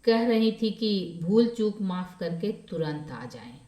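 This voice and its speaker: A woman's voice: medium pitch, very animated, warm tone, roomy sound. Woman reading as a flustered young son. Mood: anxious. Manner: hurried, agitated.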